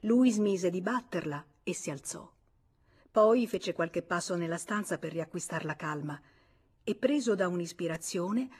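A woman reading a novel aloud as an audiobook reader, with measured and expressive narration. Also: on the low side, breathy edge. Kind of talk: scripted literary narration.

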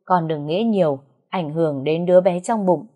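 A woman voicing a stern aging father who lectures his grown daughter in a firm, slow, measured way. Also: on the low side, lo-fi sound, natural voice. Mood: scolding.

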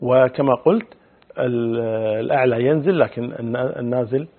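A middle-aged male Islamic scholar answering religious questions in a measured, explanatory way, quoting hadith. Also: mid-range voice. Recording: phone-like narrow band.

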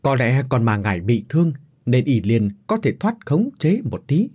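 A man plays a brave young official, determined and calling out to his friend. The delivery is husky and dark, with a lively pitch. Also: moderate pace. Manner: determined, shouting.

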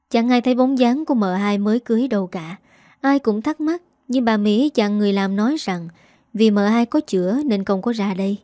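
A woman narrating a dramatic scripted story in a steady storytelling manner. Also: medium pitch, no echo, clean studio sound.

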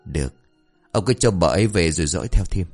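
A man doing a calm, reassuring storybook doctor. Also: deep voice, quick pace, faint music behind.

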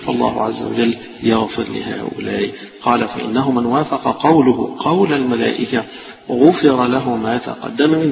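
A man with an Egyptian accent teaching a mosque lesson, scolding his students and tripping over quick restarts. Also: creaky. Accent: Egyptian Arabic. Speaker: sheikh teaching a classical fiqh text. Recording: echoey mosque hall, dull low-fi recording with background hiss.

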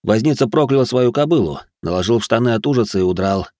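A man voicing a polished, learned male noble sorcerer who speaks in a slow, lecturing way. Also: medium pitch, lively intonation, a little mellow, dry recording, clean studio sound, natural voice. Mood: measured.

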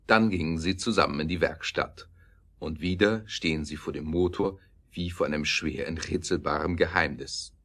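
A scripted story is told by a male narrator whose voice is low and deep yet fairly bright in tone. He phrases things in a measured, literary way and clearly stresses key words.

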